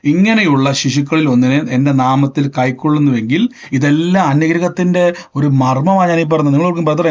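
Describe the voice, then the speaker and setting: Guy preaching, keeps repeating himself, voice climbs, kinda muffled lo-fi sound. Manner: emphatic, repeats phrases, rises in pitch and volume. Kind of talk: Pentecostal sermon.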